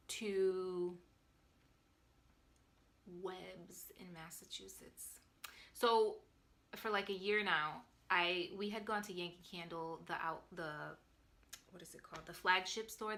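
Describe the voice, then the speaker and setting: Bright-voiced chatty woman vlogger. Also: mid-range voice. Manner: chatty, rambling, with many restarts and fillers. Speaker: knitting podcast host. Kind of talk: casual chat to viewers.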